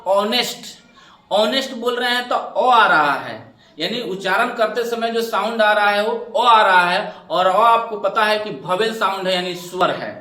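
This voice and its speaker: Guy teaching english grammar, high voice, step by step, echoey room far from the mic. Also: normal speed, sharp tone. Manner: explains step by step, asks questions and answers them, calls students "babu". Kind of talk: classroom lesson explanation.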